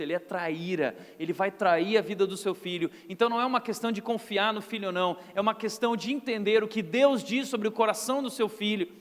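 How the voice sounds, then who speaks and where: A pastor with a Brazilian accent preaching a sermon in a church, animated and humorous as he tells stories. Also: sits high. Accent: Brazilian Portuguese. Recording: reverberant church hall.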